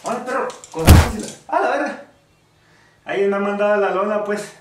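A gaming YouTuber from Mexico with a northern Mexican accent loudly trash-talks in slang while playing a VR boxing game, shouting at it in excited let's-play commentary. His voice sits high and moves fairly quickly. He's in a room at home, recorded from a distance in an echoey space with faint noise.

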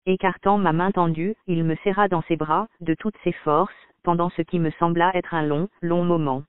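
A man calmly reading a first-person story in an audiobook, on dry, tinny phone-like audio. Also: on the high side, smooth, no echo. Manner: calm, measured reading. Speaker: audiobook narrator. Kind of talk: scripted first-person narration.

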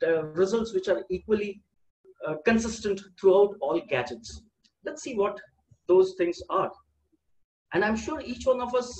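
A man's voice: high-pitched, a little mellow, slight background noise, low-quality recording. An older man giving an online seminar presentation over a video call, with a headset mic and a hesitant manner full of "uh" and repeated words.

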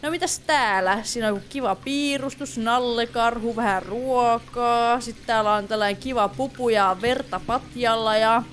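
A female gaming YouTuber talks through a horror game in casual let's play style, barely pausing in her fairly high voice. Easily startled and chatty, she mixes in English exclamations, with slight background noise in the recording.

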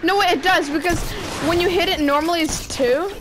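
A woman chatting casually while playing a video game, trailing off, restarting her sentences and now and then bursting into shouts. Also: extremely high pitch, a little fast, background noise. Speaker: gamer. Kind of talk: casual gameplay chat.

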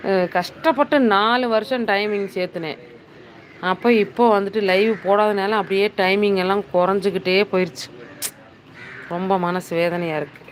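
Speaking at a normal speed with fairly even intonation, this mid-range female voice belongs to a middle-aged woman running a relaxed live stream in a Nilgiris hill town. She teases and chats, exclaiming often as she reads out viewer comments on her phone. There's a bit of hiss or hum on the rough recording.

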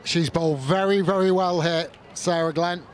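Man, cricket co-commentator, light pitch, calm analysis, faint crowd noise. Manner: measured analysis, rising to shouts at wickets. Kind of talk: live sports analysis. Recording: commentary mic with stadium crowd behind.

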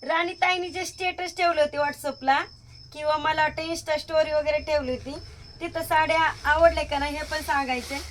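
A woman's voice: high-pitched, steady tone, moderate pace, fairly bright tone, a little hiss or hum, poor audio. A woman, sweet-talking and eagerly praising sarees in a shop vlog. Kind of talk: lively sales vlog.

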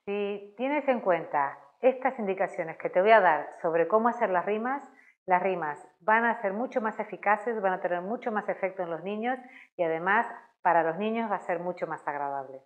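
Woman teacher, calm and precisely articulated, instructional talk on rhymes, slightly dull recording. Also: mid-range voice, normal speed. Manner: calm, clearly articulated, demonstrates rhymes aloud.

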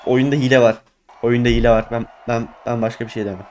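A young man giving excitable let's play commentary, exclaiming and groaning at his failures. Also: mid-range voice, fast. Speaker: gaming YouTuber.

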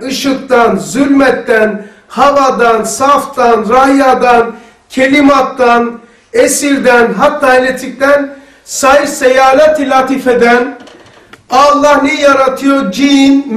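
A man with a high voice teaches a religious class and tells lively stories, acting out the dialogue himself. He is recorded from a distance in a room with a noticeable echo. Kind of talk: religious lesson to a group. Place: lesson room. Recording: roomy sound from off-mic.

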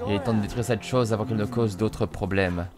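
A man's voice: fairly low pitch, fairly even intonation, fairly quick, loud music behind the voice. French man chatting over a game. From France. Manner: chatty, joking, reads quest text with playful emphasis. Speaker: let's play host. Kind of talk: casual gameplay commentary and reading in-game text aloud.

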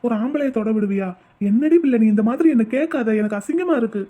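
A woman voicing a gentle, devoted young man who coaxes and comforts his wife in an amateur audio drama. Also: on the high side, expressive, fast. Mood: soothing. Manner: soothing, coaxing.

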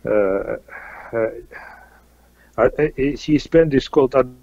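Slow, halting man with a Russian accent. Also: mid-range voice, creaky, darkish tone, no echo, highs cut off. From Kazakhstan. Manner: halting, many fillers and restarts. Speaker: interview guest, musician. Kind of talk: casual interview answers.

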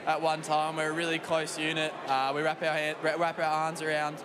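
A man's voice: on the high side, completely flat delivery, brisk. A young Australian man, a footballer, answering post-match questions into a handheld mic outdoors at a stadium, easygoing and modest with many fillers. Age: young adult. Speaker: footballer interviewed after a match. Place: outdoors at a stadium beside the field. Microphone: handheld mic with headset. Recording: stadium noise behind.

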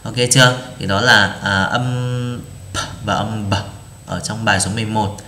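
A man teaching English pronunciation, reading drill words slowly and deliberately and explaining each sound. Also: on the low side, steady tone, pushed and bright, reverberant. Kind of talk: pronunciation lesson, slow model reading.

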